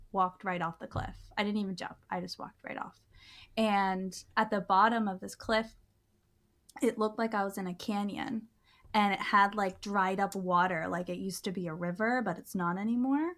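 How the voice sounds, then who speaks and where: A woman's voice: medium pitch, fairly bright tone. A woman co-hosting a podcast, telling a personal experience in a casual, earnest way, with many fillers and restarts. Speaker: podcast co-host. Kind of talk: casual storytelling.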